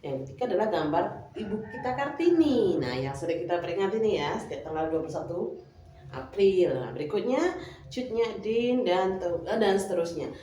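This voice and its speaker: A woman's voice: fairly low pitch, expressive, brisk, dark tone, slight background noise. A woman teacher leading a class, coaxing her pupils with questions. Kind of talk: classroom lesson. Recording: echoey room, mic far off.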